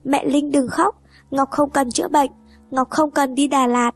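A woman's voice: high-pitched, steady tone, unhurried, faint music behind, pitched above the performer's own voice. A woman reading an audiobook, voicing a sick six-year-old girl. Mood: pleading.

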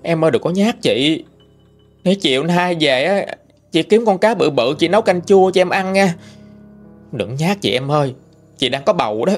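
A frightened pregnant village wife begs and pleads in a lifted, lively voice, as a man puts her on. Faint music plays under the telling. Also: on the high side, normal speed, pitched above the performer's own voice. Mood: pleading.

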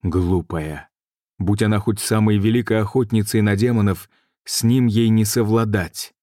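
A man's voice: lowish voice, steady tone, normal speed, warm tone, no room sound, studio quality, close to an everyday voice. A man voicing a tormented male mage in an audiobook, urgent and tense. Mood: harsh.

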